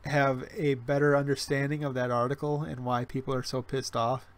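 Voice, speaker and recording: Over a webcam stream mic, a man in his forties chats casually with his livestream audience and reads their messages. His medium-pitched voice stays level at a moderate pace, and his talk meanders with fillers, false starts, and self-deprecating wit.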